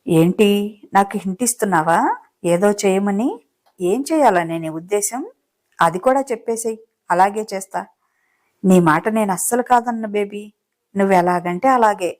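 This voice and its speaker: A woman's voice: mid-range voice, moderate pace, long pauses, darkish tone, lightly acted. A woman voicing a rich young man in a romance audiobook, speaking with affectionate, playful coaxing. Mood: teasing. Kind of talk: audiobook character reading.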